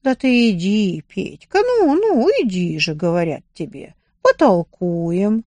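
A woman's voice: mid-range voice, big pitch swings, takes it slowly, a little mellow, no room sound. A woman voicing a sulky, self-pitying carpenter who drinks, in a coaxing, whining manner.

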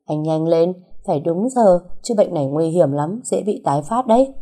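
A woman voicing a sharp-tongued young wife who teases and scolds her husband out of jealousy. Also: lowish voice, lively intonation, moderate pace. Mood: urgent. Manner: teasing, scolding.

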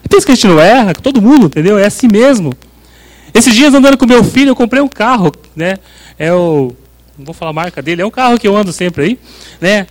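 A middle-aged man from Brazil preaches an informal sermon. His voice sits high for a man. He talks in a chatty, storytelling way and keeps checking in with the congregation. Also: lively intonation, quick pace, rough recording. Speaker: church leader preaching. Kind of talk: informal sermon with personal stories.

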